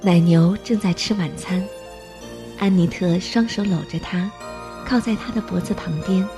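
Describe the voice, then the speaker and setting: A woman narrating a storybook in a gentle, even-paced reading voice. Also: fairly low pitch, normal speed. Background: faint music.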